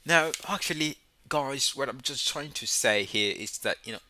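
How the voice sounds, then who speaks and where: A man who is a non-native English speaker, hosting a casual, unscripted recommendation in a halting, rambling way. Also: medium pitch, animated, pushed and bright, no room sound. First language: not English. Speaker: YouTube host and English learner.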